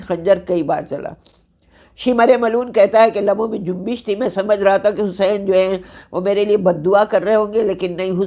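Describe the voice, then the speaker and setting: A woman's voice: mid-range voice, darkish tone. A woman reciting a mourning sermon as zakira at a memorial gathering, with an impassioned, lamenting delivery and repeated phrases.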